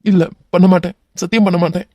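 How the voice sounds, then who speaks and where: A man's voice: high-pitched, fairly even intonation, normal speed, warm tone, no echo, muffled recording, lightly acted. A man voicing a cowardly young crook who keeps begging not to be handed to the police, with a Kanyakumari Tamil accent, in a cartoon. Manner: whimpering, pleading.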